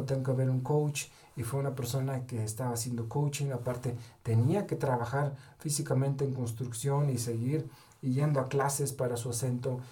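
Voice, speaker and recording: Mellow-voiced man giving a motivational talk. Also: medium pitch. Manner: keeps adding the tag question "¿verdad?"; storytelling with short quoted dialogue. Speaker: motivational speaker.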